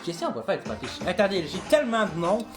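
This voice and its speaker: A man's voice: high voice, huge pitch swings, racing, music in the background. A man with a Québécois French accent, a rapper chatting casually on a livestream and freestyling, rambling and swearing often.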